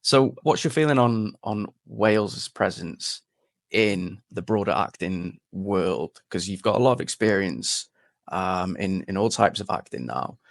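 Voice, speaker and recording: A man's voice: deep voice, animated, unhurried, creaky, dry recording, clean studio sound. A man asks questions in a casual interview, phrasing them in a tentative, roundabout way.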